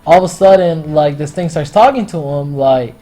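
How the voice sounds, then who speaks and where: A man casually reviewing a story in a rambling, profane, excitable way. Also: fairly high pitch, moderate pace. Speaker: anime and manga reviewer.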